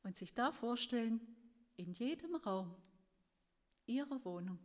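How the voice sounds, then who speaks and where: A woman giving a sermon in an earnest, gentle storytelling way, her voice rising and falling as she tells a story. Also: fairly high pitch, expressive, measured pace. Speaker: preacher.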